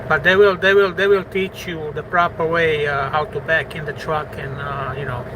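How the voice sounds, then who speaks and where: A man's voice: fairly high pitch, fairly even intonation, moderate pace, background noise. A man, a truck driver chatting casually with his livestream viewers and circling back over his words with many "you know"s. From Bosnia. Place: parked truck at a truck stop.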